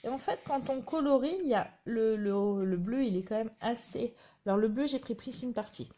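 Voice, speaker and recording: A woman's voice: a little high, moderate pace, mellow. A woman, chatting casually while she demonstrates a craft project on a live stream. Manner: chatty, narrates her hands-on work with little asides. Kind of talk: live craft tutorial chat.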